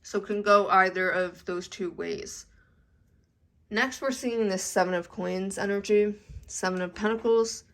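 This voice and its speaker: A young woman doing a casual tarot reading on camera speaks in a medium-pitched, slightly bright voice without hurrying. Allergies make her a bit congested, and she peppers her chatty talk with "okay?"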